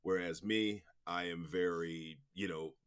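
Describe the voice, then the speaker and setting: Informal and talkative, a man in his forties who is president of a production company thinks aloud while being interviewed. His voice sits low with fairly even intonation and a measured pace, and the tone is fairly bright and clean.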